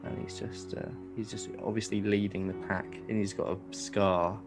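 A man narrating as game master, chatty and laughing often, with a hushed tone for the tense parts. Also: lowish voice, level tone, normal speed, music in the background.

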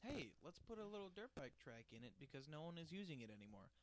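A man's voice: on the high side, sing-song, fast talker, noisy background. A young man, co-hosting a casual podcast and speaking bluntly, profanely and teasingly. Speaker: podcast co-host.

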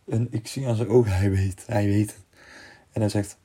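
A young man tells a personal story on his podcast in a loose, rambling way, often restarting his sentences. His voice is low, dark and husky, with a gravelly edge. He speaks in a flat, even tone. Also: moderate pace. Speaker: podcast host.

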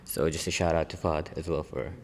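A man hosting a podcast, chatting in a friendly way with lots of fillers, often trailing off softly. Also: very deep voice, steady tone, fast, in a large hall, a crowd in the background. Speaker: podcast host. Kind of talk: casual podcast chat.

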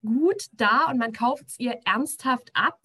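Woman podcast co-host, a touch high, measured and thoughtful, casual review talk. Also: animated, a bit bright, slightly rough.

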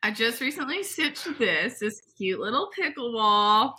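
A woman's voice: a little high, big pitch swings, unhurried, pushed and bright, slightly rough. A young woman chatting casually and girlishly as a podcast guest, often dropping in "like". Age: young adult. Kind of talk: casual chat.

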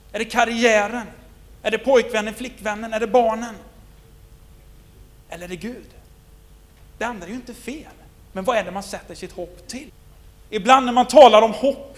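Man, preacher, sermon, rhetorical questions, swinging loudness, very high pitch. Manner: asks the listeners many rhetorical questions, loudness swings widely. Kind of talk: sermon retelling a scripture story.

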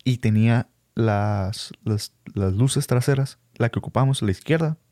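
A man's voice: medium pitch, measured pace, dry recording, studio quality. A young man with a Mexican Spanish accent casually telling a personal story, acting out the people he quotes. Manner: lively storyteller who acts out quoted people and laughs.

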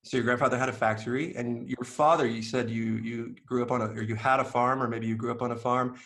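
A man hosting an interview podcast, asking questions in a friendly, measured way. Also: medium pitch, fairly even intonation, fairly bright tone. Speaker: podcast host.

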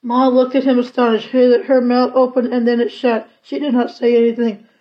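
A woman reading a children's novel aloud chapter by chapter, in an unhurried, plain storybook way. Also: on the high side, level tone. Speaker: audiobook reader. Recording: slightly dull lo-fi recording.

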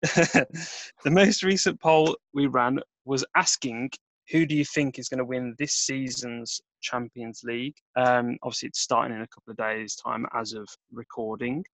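A man hosting a casual football podcast, relaxed and hesitant with many fillers. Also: mid-range voice, unhurried, no room sound, poor audio. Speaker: podcast host.

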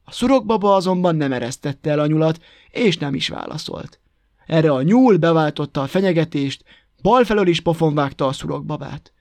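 A man narrating a folk tale as a storybook reader, with a lively, rhythmic telling on a close mic. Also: a little high, dry recording. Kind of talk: storybook reading.

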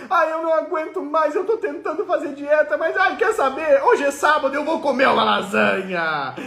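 A woman's voice: high voice, lively intonation, normal speed, creaky, fairly bright tone, echoey room, exaggerated voice. A woman acting out an exasperated, self-pitying everyday woman who complains with sighs and whines. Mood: whiny. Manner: whiny, sighing, exasperated.

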